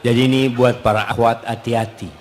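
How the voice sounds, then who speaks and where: A male Indonesian preacher giving an animated sermon with questions and answers, acting out wives and husbands and dropping in Arabic phrases. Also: medium pitch, fairly quick, a little hiss or hum. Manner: animated, acts out wives and husbands in quoted voices; mixes Arabic phrases into his talk.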